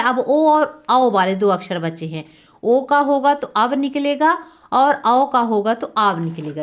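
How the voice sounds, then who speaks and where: High-voiced woman teaching grammar. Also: muffled recording. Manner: repeats questions and answers them herself, drawing out key sounds. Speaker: Sanskrit teacher. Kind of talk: classroom lesson explaining grammar.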